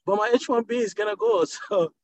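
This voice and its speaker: A man's voice: high voice, fairly even intonation, a little fast. A man from Nigeria, calling in to a conference call on a car speakerphone while driving. He searches for words and restarts his phrases. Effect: car speakerphone phone line. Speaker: caller. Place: inside a moving car. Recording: muffled lo-fi phone call.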